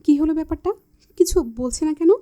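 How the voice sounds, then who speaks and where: A woman's voice: high-pitched, fairly quick, warm tone, pitched above the performer's own voice, lightly acted. A woman playing a feisty, scolding young woman. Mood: puzzled. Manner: indignant, scolding. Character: feisty, shy young woman, quick to anger.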